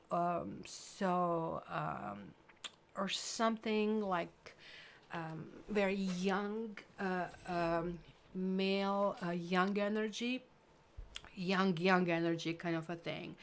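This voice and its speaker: A woman, giving a rambling, chatty tarot reading to camera, full of fillers. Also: mid-range voice. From Croatia. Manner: chatty, rambling, full of "like" and "kind of", lively bursts. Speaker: tarot reader.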